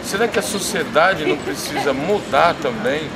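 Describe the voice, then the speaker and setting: Rich: A man with a slightly raised voice speaks thoughtfully about his experiences, posing questions to the listener. He stands outdoors on a city street, and loud traffic roars behind him. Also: on the high side, expressive, normal speed. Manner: reflective, asks rhetorical questions. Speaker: interviewee, former shelter resident. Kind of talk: documentary testimony.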